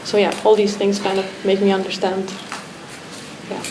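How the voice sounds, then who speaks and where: In an echoey art academy pavilion with background noise, a Romanian woman artist takes part as a guest in a talk discussion. She speaks reflectively at normal speed in a medium-pitched, completely flat voice, with frequent restarts and fillers.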